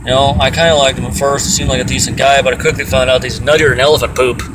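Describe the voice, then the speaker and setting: A man's voice: little pitch movement, quick pace. A man on an angry, exasperated swearing tirade, venting explosively in a casual personal rant. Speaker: aggrieved pet owner venting. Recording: distant mic, loud fan and outdoor rumble. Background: air vent fan, vehicle-like ambience.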